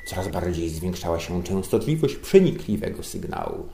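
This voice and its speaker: Man, low voice, dry measured narration, satirical story, roomy echo. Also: big pitch swings, vocal fry, music in the background.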